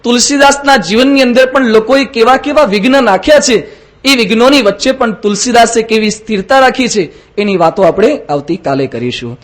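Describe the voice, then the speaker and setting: Man, monk, very high voice, storytelling sermon, acts out dialogue. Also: a little fast. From Gujarat, India. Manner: lively storyteller acting out dialogue.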